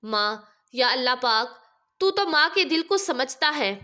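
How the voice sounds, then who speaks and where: A woman's voice: high voice, animated, sharp tone. A woman voicing a devout young mother who prays through tears, pleading and desperate. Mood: tearful pleading. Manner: tearful pleading prayer.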